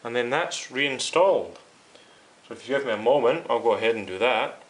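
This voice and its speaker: Here the radio restoration host speaks briskly in a mid-range, animated voice, walking viewers through his repair work step by step in a casual way. The audio quality is poor.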